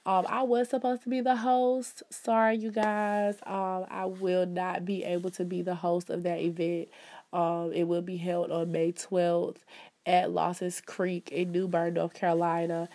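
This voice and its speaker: Chatty stuffed-up woman, slightly low. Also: completely flat delivery, a little slow, dark tone. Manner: chatty, upbeat, calls listeners "baby". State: stuffed up with allergies. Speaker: host promoting events and services. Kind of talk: casual promo talk. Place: indoors, in the country.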